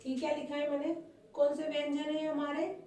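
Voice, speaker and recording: A woman's voice: sits high, little pitch movement, normal speed, warm tone. A woman teaching a primary school language class in a recorded video lesson. She is patient and repetitive, asks the pupils questions and answers them herself, and calls them "beta". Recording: echoey room, voice far from the mic, faint hum.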